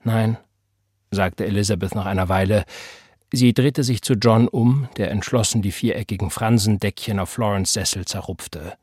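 A man narrating a novel as an audiobook, in a measured, even storytelling manner. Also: fairly low pitch, husky, no room sound, clean studio sound. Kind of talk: scripted literary narration.

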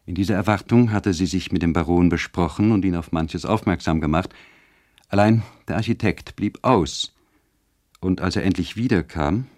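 Deep-voiced male audiobook narrator. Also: darkish tone, no room sound, studio quality. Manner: measured, literary. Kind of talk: audiobook narration of a classic novel.

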